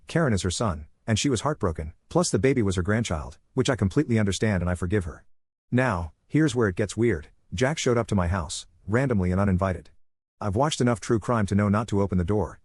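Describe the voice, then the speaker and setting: A man narrates an online story at a brisk clip, his voice slightly low and husky. He keeps a matter-of-fact storytelling manner throughout. The recording is dry, with no room sound. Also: a little mellow, no room sound.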